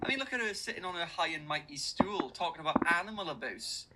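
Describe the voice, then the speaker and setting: A man's voice: on the high side, expressive, quick pace, very noisy. A man giving an opinionated commentary, mocking and ranting as he addresses his audience. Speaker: commentary video narrator.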